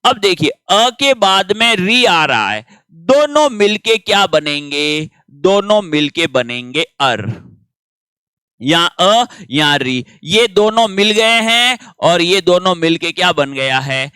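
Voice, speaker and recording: A man's voice: high voice, very animated, takes it slowly, pushed and bright, smooth, no room sound. A man teaching grammar in a patient classroom manner, asking questions and answering them himself.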